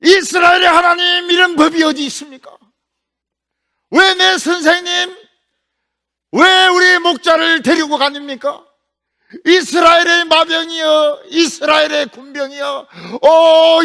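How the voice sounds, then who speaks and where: A man voicing a young male prophet who wails and shouts in grief at losing his teacher. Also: extremely high pitch, creaky, voice pushed up, full character voice. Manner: shouting, wailing lament.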